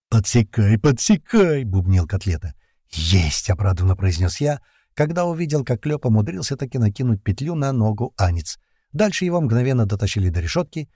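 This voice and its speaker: Low, dark-voiced male audiobook narrator. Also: dry recording, clean studio sound. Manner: tense, colloquial storytelling with slang. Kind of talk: first-person audiobook narration.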